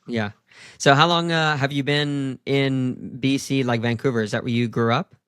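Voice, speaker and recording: A man's voice: medium pitch, steady tone, normal speed, a bit bright, clear, resonant tone, no echo, clean studio sound. A man hosting a podcast interview, chatting in a friendly, casual way with lots of fillers. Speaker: podcast host.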